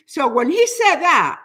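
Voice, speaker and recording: A woman in her seventies, a Spanish speaker by first language, chatting casually with her viewers about fitness, often repeating words as she goes. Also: on the high side. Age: 70s. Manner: lively, repeats herself, says she talks fast.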